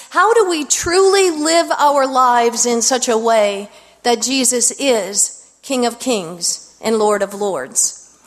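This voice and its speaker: A woman pastor delivering a sermon at a pulpit microphone in a church sanctuary, speaking in a measured, deliberate way. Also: high voice. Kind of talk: sermon with scripture reading. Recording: long reverb of a large hall.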